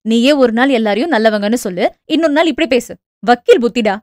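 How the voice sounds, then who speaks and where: Woman doing quick-tempered young woman, high sharp retorts, dry close sound. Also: animated, no room sound, natural voice. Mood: indignant.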